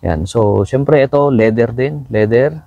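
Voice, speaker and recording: A man's voice: mid-range voice, unhurried, gravelly, no echo, muffled recording. A man, casually touring his car's interior and pointing out each feature. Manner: relaxed, repetitive pointing-out with frequent fillers. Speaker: car owner reviewing his vehicle. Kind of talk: casual walkaround tour narration. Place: inside a car.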